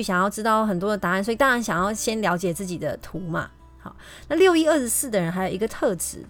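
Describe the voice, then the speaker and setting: A young woman with a Taiwanese Mandarin accent, hosting a solo podcast in a chatty way, full of fillers and rhetorical questions. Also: medium pitch. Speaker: podcast host explaining a personality system. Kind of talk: casual solo podcast talk.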